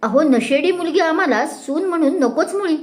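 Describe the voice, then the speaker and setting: A furious high-society matron, voiced by a woman. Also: slow. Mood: indignant. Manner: indignant, scolding, sharp. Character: angry proud middle-aged woman, prospective mother-in-law.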